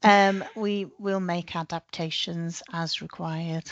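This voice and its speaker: Low-voiced woman giving brisk answers. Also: fairly even intonation, dry recording. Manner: brief, matter-of-fact answers. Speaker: mental health team clinician. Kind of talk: webinar panel answers. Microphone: video call. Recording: dull lo-fi call audio.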